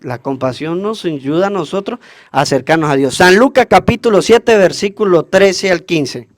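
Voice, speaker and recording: Priest with a high voice, dry close sound, teaching by question and answer during Mass. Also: male voice, moderate pace, no echo. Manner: asks the congregation questions and answers them himself. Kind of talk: call-and-response homily at Mass.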